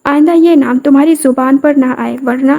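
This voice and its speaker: A woman's voice: sits high, gravelly, dark tone. A woman reading the lines of a rude, domineering young husband in a scripted audio novel, in a mocking, commanding way.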